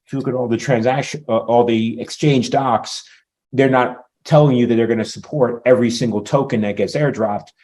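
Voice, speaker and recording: Answering audience questions on a conference panel, a man lays out his points one by one, with frequent fillers. His medium-pitched voice is steady, a little fast, and darkish in tone.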